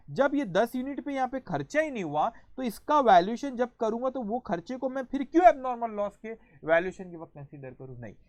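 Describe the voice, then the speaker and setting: A male accounting teacher giving an online lecture in a lively storytelling manner, going through each point step by step and counting them off aloud. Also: high-pitched, no echo. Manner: explains step by step, counting points aloud and calling students "beta"; lively storytelling, acting out an example.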